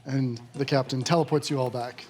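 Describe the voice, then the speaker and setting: A game master improvising narration for a tabletop game in a casual, halting way. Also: medium pitch, steady tone, a little mellow. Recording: music behind. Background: music.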